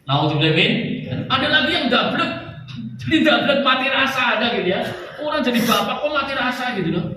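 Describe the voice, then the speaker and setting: A man giving an Islamic study sermon to a gathered audience, lively and joking with the listeners. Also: very high voice, a little fast, recorded from a distance, noisy background. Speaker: religious teacher. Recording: echoey hall, speaker off-mic.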